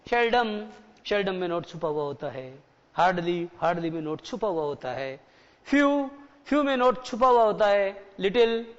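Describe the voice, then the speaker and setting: A man's voice: high voice, long reverb tail, muffled recording. A male teacher giving a grammar lesson in a mix of Hindi and English, repeating key words and asking the class questions.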